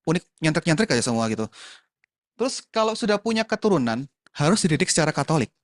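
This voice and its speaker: A man's voice: fairly high pitch, sing-song, fast, no room sound, studio quality. Chatty man. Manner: chatty, mixes in English words, addresses the audience as friends. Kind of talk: casual talk to a youth group.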